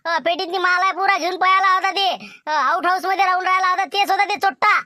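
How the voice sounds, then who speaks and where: A man's voice: very high voice, fairly even intonation, fast, bright, forceful tone, dry recording, clean studio sound, heavily acted. A man playing a sly Varhadi servant on a scheme. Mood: boastful. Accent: Varhadi Marathi. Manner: wheedling, sprinkles talk with "ho" and "ba". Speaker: comedy sketch actor. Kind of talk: village comedy sketch acting.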